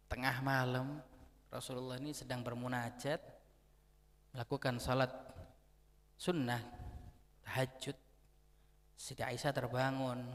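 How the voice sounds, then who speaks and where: Male preacher, emphatic repetitive sermon, mid pitch, long hall reverb. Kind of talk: mosque sermon. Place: mosque.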